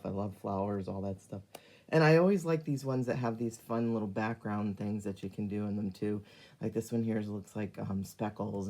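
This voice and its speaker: A woman with a very low, hoarse, warm voice hosts a live stream demonstrating card-making. She's chatty and says um a lot, greeting viewers by name during this casual craft session.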